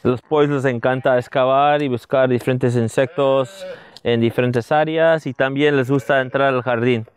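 Man quickly interpreting a farm tour. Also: mid-range voice, fairly even intonation. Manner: quick, loose, with fillers and restarts. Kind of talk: casual translation for children. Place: outdoors at a backyard chicken coop.

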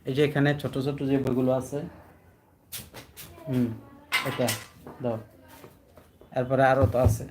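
A man speaking teaches a Quran reading class to adult students in a classroom. He explains patiently, repeats himself, checks that they follow, and draws out recited words slowly. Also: medium pitch, flat delivery, background noise. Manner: patient, repetitive, checks understanding with questions; chants recited words slowly, drawing out syllables. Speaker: addressed as hujur by students.

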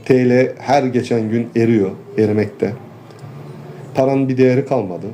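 A man, a farmer and local official, talking earnestly in a street interview and pausing often with fillers. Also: medium pitch, mellow, a little hiss or hum. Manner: earnest, complaining, halting with fillers.

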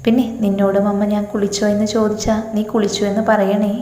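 A woman's voice: mid-range voice, little pitch movement, a little fast, warm tone, faint music behind, close to an everyday voice. A woman voicing a playful, chatty young woman who teases her friend. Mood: teasing. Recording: echoey room with long reverb.

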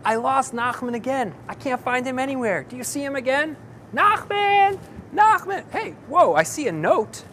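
A man's voice: extremely high pitch, a little fast, few pauses, fairly bright tone, slight background noise. A man, a rabbi, hosting a children's show, talking straight to the kids with lots of energy.

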